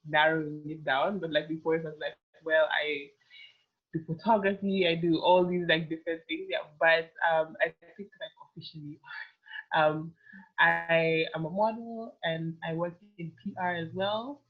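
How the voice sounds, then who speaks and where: Over tinny, phone-like audio, a woman in her twenties from Uganda chats at a normal speed. She's a fashion model guesting on a casual interview, and her low, fairly even voice wanders along, full of "like" fillers.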